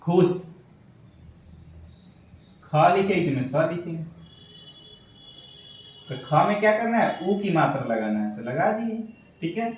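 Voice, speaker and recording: Male shorthand teacher, fairly high voice, patient question-and-answer manner, echoey room, mic far off. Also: sing-song, slow pace, long pauses. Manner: explains patiently, asks questions and answers them himself. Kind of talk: step-by-step tutorial explanation.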